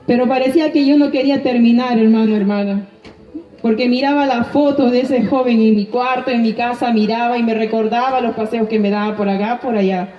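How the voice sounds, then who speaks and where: A woman's voice: a little high, steady tone, brisk. A woman giving an earnest, emotional testimony in church, often calling out to her brothers and sisters. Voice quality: repeatedly addressing listeners as brother, sister. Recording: roomy, distant, dull church recording with music.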